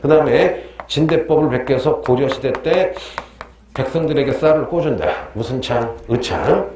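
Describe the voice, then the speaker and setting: A man's voice: mid-range voice, darkish tone, roomy sound, a little hiss or hum. A middle-aged man teaching a history class, quizzing his students and joking and laughing with them as he lectures.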